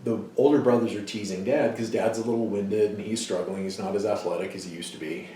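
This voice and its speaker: A man's voice: on the low side, slight background noise. Man lecturing in a very echoey hall. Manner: storytelling, acts out quoted voices loudly. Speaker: psychology lecturer. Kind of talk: lecture with case stories. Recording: distant mic in a very echoey hall.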